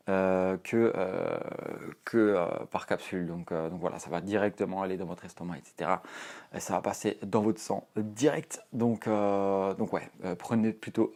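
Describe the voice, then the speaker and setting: A young man talks straight to camera about fitness in a loose, rambling way. His voice sits fairly low, and he leans hard on fillers and restarts as he goes. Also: darkish tone. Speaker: fitness vlogger. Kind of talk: casual advice to camera.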